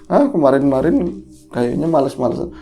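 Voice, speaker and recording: A man's voice: mid-range voice, sing-song, brisk, creaky, dark tone, soft background music. A man voicing a coy, teasing female jinn.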